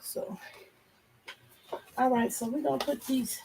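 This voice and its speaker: On a very noisy recording, this woman speaks slowly and in a steady tone, her voice somewhat high, hoarse, nasal, and gravelly. She's a vlogger chatting casually and candidly to a live audience, drifting from one subject to another.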